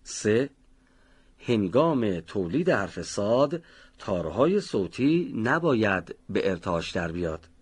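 A man teaching Quran recitation, explaining how to pronounce a letter and slowly sounding out example words. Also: lowish voice, big pitch swings, slightly rough. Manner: slow, deliberate pronunciation of example words. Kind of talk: instructional lesson. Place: recording studio.

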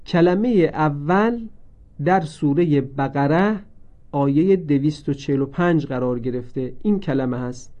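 A man with a fairly high, mellow voice teaches Quran reading in a recorded lesson. He talks slowly and deliberately and stretches out each word he recites. The recording sounds dull and lo-fi. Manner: slow, deliberate, repeats each word with drawn-out recited forms.

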